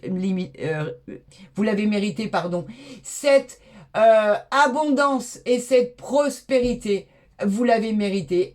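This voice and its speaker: A woman's voice: a little high, darkish tone. A woman giving a tarot card reading to her viewers, enthusiastic and exclaiming, with frequent hesitations. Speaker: tarot reader.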